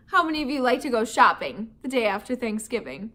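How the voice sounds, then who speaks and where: A woman teacher reads a children's chapter book aloud to young listeners, pausing to teach vocabulary words. Her high, bright voice swings a lot and stays very animated at a moderate pace. She laughs often and tosses in playful, chatty asides.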